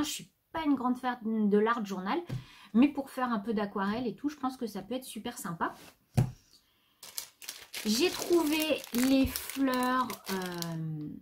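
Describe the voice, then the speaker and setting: A woman from France chatting casually to her viewers about new craft supplies, relaxed and full of little fillers. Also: medium pitch, background noise. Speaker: crafting vlogger. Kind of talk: casual haul chat.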